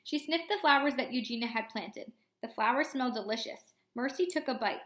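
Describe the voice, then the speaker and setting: High voiced lady reading a kids book out loud, doing little voices, echoey room. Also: brisk. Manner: shifts voices for each character. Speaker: reader. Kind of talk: storybook read-aloud.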